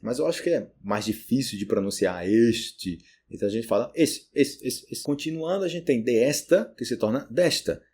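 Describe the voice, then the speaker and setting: Husky Brazilian man teaching slowly. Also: medium pitch, expressive, dark tone. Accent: Brazilian Portuguese. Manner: repeats words slowly to model pronunciation, asks "né?" often. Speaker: Portuguese teacher. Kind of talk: casual language lesson. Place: home room by a street with car horns.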